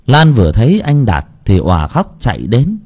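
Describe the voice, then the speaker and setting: A man's voice: medium pitch, wildly swooping pitch, moderate pace, darkish tone. A man narrating a folk tale audiobook expressively. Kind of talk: storytelling narration.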